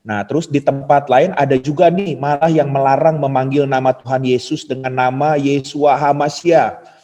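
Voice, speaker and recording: A man's voice: mid-range voice, fairly even intonation, normal speed, mellow. A man hosting a church discussion, reading out questions and summing up the speaker's points in a conversational way. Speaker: host. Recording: dull reverberant hall sound.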